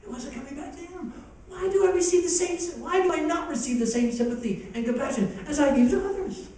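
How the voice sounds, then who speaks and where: Pastor, man, high mellow voice, impassioned sermon, distant mic in a boomy church hall. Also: a little fast. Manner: impassioned preaching with rising and falling intensity. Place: church sanctuary.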